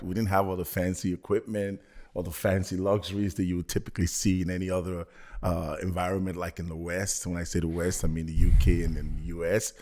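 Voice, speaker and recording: A man from Belgium with a very low voice, talking as a podcast guest. He speaks earnestly and reflectively. His tone stays calm and thoughtful. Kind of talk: casual podcast conversation.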